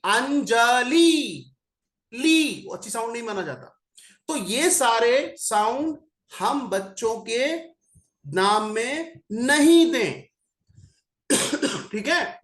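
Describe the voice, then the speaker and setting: A man's voice: extremely high pitch, fairly bright tone, echoey room. A man teaching numerology, who repeats single syllables again and again and stretches them out for emphasis. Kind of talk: explanatory lesson.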